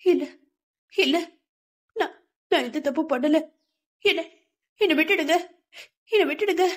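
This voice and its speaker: A woman's voice: high-pitched, a little slow, voice pushed up. A woman voicing a terrified young woman who pleads and sobs through a nightmare in an audiobook. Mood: terrified pleading. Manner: pleading, sobbing, frantic.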